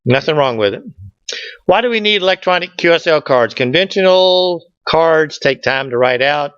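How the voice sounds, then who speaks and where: A man with a higher-than-average, expressive voice presents slides at a moderate pace, sounding a bit bright and clean. As a club presenter at a meeting-room lectern, he keeps things folksy and jokes with listeners who talk back. The recording is dry, dull, and lo-fi.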